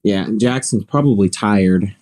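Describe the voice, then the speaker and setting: A man's voice: fairly low pitch, a little slow, darkish tone, a little hiss or hum. A man co-hosting a live weather stream, rambling and laughing often in casual on-air chat.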